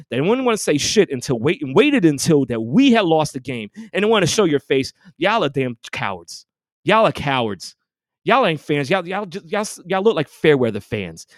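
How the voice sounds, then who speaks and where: A fired-up male podcast host trash-talks in a lively, swooping voice that sits a bit high for a man. He swears freely and gloats without pause. The sound is dry and close, with no room around it. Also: no echo. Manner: animated, profane trash talk; gloating, heated. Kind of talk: casual podcast rant.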